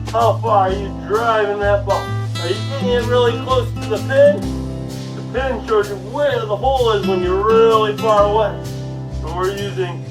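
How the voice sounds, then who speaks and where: Male kids' fitness host, thirties, overbright party-host manner, unhurried pace, recorded at a distance with guitar music behind. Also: sits high. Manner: overbright, upbeat kids-party-host delivery. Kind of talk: children's exercise lesson. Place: living room at home, indoors. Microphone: camera several steps away.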